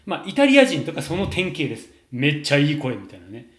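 A man coaching singing, answering viewer questions in a lively, explanatory way with frequent fillers. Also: on the high side, fast. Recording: roomy echo.

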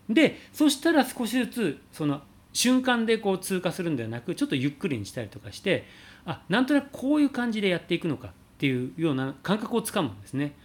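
A man teaching singing, calmly answering a viewer's question about high notes and showing sung slides. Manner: explains calmly, demonstrates sliding sung vowels.

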